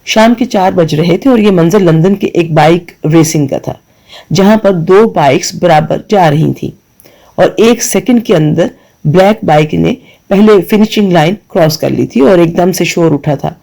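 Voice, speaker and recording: A man's voice: high voice, creaky, warm tone, rough recording. A man narrating a romantic novel, voicing all characters and reciting verses. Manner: reads every character himself, recites verses.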